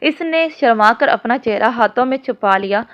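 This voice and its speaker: A woman reading a romance novel aloud in a steady, storybook narration. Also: fairly high pitch, moderate pace. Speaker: novel reader. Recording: dull lo-fi audio.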